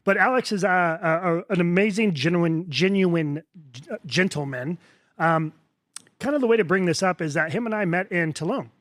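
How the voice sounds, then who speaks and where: A man's voice: high voice, moderate pace, fairly bright tone. A man hosting a podcast interview, enthusiastic and rambling as he introduces and questions his guest. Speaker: podcast host.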